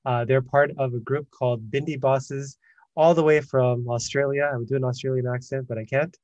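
A man's voice: medium pitch, steady tone, brisk, a little mellow, no room sound, dull audio. A man hosting a podcast interview, talking in a friendly, loose way with filler words. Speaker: podcast host.

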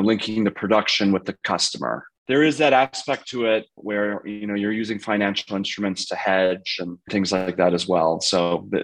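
Hesitant man in his thirties, low voice. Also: low-quality recording. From United States. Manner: hesitant, many fillers like "you know" and "like". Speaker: podcast guest. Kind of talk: casual interview answers.

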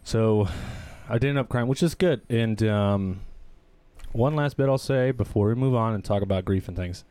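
A man's voice: fairly low pitch, dark tone, no echo. A young man co-hosting a podcast, rambling and swearing freely as he tells a personal story. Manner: rambling, profane, emotional storytelling. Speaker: podcast co-host. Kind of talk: candid casual podcast chat.

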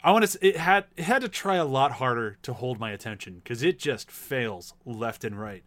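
A man's voice: mid-range voice, animated, normal speed, fairly bright tone. A man in a casual film discussion, talking in a rambling way and acting out imagined quotes as he goes. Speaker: movie review panelist.

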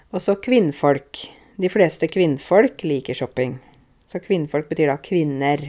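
A young woman in a chatty, clear spoken lesson, telling a story and explaining words to language learners. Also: fairly low pitch, warm tone. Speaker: Norwegian language teacher on YouTube.

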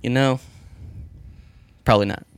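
A man's voice: medium pitch, fairly even intonation, unhurried, smooth, no room sound. A man chatting casually as a musician guest, candid, slangy and swearing freely. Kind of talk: casual chat.

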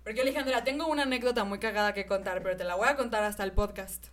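A woman in her twenties with a Mexican accent, hosting a podcast and telling stories in a lively way, laughing often. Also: medium pitch, racing. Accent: Mexican Spanish. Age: 20s. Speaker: podcast host. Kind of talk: casual chat.

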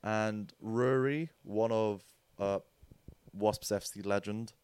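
A young man, a podcast guest telling rugby stories in a casual, animated way. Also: fairly low pitch, takes it slowly, smooth. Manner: animated storyteller, acts out quotes with jokes and laughs. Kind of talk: casual storytelling chat.

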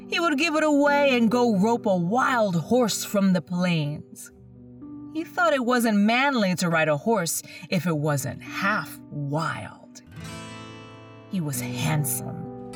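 Female horror host, lowish voice, dramatic suspenseful storytelling, a bit off-mic. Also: distant mic. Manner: theatrical, drawn-out suspenseful phrasing. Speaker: host of a spooky storytelling show. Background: music.

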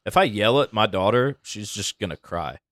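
Low-voiced man, earnest and reflective. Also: lively intonation, normal speed, fairly bright tone, no room sound, studio quality. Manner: reflective, earnest, many "like" and "right?". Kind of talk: casual podcast chat.

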